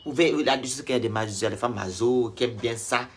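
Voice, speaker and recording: A man's voice: medium pitch, rapid-fire. A man delivering a blunt, preachy rant in a social-media vlog, lecturing his viewers directly. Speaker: online commentator.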